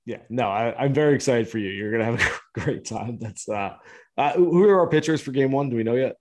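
A man's voice: mid-range voice, a little fast, a little hiss or hum. Laughing man telling a story. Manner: relaxed storyteller who laughs often. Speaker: podcast co-host. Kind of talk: casual chat, storytelling.

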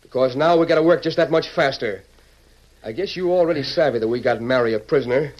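An actor playing a scheming, bossy outlaw boss who taunts in folksy western slang, in old-time radio style. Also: male voice, mid-range voice, fast talker, darkish tone, natural voice. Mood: gloating. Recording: dull, hissy old radio recording with clicks.

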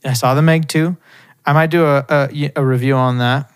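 A man's voice: mid-range voice, steady tone, normal speed, clean tone. A man co-hosting a podcast in casual chat, rambling and joking with frequent restarts. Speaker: podcast co-host.

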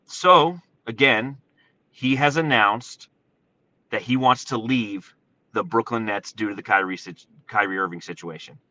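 An American man hosting a casual live sports commentary from inside his parked truck, talking in an animated, informal, emphatic way. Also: fairly low pitch, a little slow, dry recording, highs cut off. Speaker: sports podcast host. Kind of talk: excited solo sports commentary, casual livestream.

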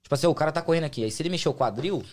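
A man's voice: fairly high pitch, rapid-fire, a little mellow. A man with a Brazilian Portuguese accent, explaining American football in slangy, casual interview talk as a player and guest. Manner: slangy, colloquial, explains with examples.

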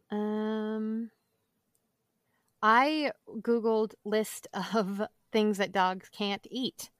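A woman from Massachusetts, speaking in a mid-range voice on a dry recording, guests on a podcast for a casual chat. She sounds hesitant and uses lots of fillers.

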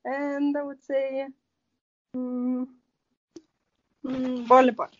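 A woman's voice: sits high, flat delivery, drawn-out words, dull audio. A woman with a German accent, a guest answering podcast questions hesitantly, searching for English words. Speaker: athlete guest.

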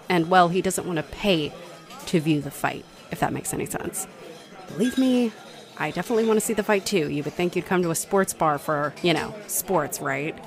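A woman's voice: lowish voice, lightly acted. A young woman voicing a bubbly female bartender who is a starstruck fight fan, gushing, apologizing and laughing nervously. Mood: apologetic, chatty. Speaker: roleplay voice performer. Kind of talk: audio roleplay acting.

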